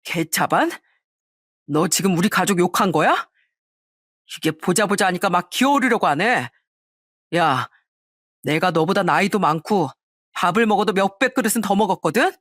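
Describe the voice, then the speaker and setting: A woman's voice: fairly low pitch, lively intonation, normal speed, pauses often, breathy edge, no echo, clean studio sound. A woman doing a hot-tempered, bullying young man. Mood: angry. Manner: shouting threats, sneering.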